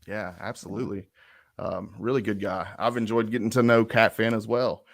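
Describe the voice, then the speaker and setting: A man's voice: fairly low pitch, level tone, moderate pace, vocal fry, dry recording. Upbeat man hosting a live stream. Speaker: host.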